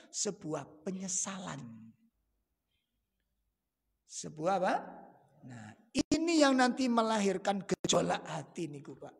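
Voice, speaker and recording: A male preacher delivers a lively, joking sermon and drops quips along the way. His voice is slightly husky and breathy. A long reverb trails after every phrase, as in a large hall. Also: high voice. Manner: animated, teasing, mixes in Javanese asides and quips. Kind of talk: humorous sermon to a congregation.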